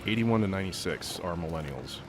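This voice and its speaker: A man in his mid-thirties with a very low, deep voice chats loosely over a game, trailing off and restarting his sentences. He swears casually, and a faint hiss of noise sits behind him. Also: animated, fairly quick. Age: 30s. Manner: rambling, self-interrupting, swears casually. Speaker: let's play host. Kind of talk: casual gameplay chat.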